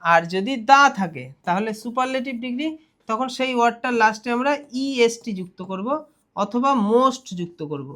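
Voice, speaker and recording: A man's voice: very high voice, lively intonation, moderate pace, a bit bright. A young man with a West Bengal Bengali accent, teaching a grammar lesson for an exam. He keeps asking questions and answering them himself, drawing out the key words.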